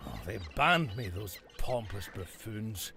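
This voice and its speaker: Gruff Scottish sea captain, bragging, lively delivery. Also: male voice, lowish voice, slow pace, heavily acted. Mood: grumbling. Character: boastful Scottish ferry captain, bird-loving, brash man. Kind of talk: voiced game dialogue.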